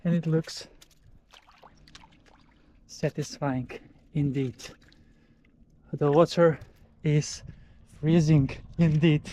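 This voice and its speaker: A man narrating a casual vlog outdoors, speaking haltingly in short broken pieces. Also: on the high side, fairly even intonation, warm tone, a little hiss or hum. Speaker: vlogger. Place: outdoors at a frozen lake.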